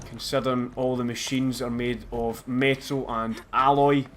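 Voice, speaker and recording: A man's voice: mid-range voice, level tone, measured pace, a little hiss or hum. A man with a Scottish accent giving casual, chatty and self-mocking commentary over a game as a let's play host. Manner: chatty, self-mocking, bursts into loud laughs.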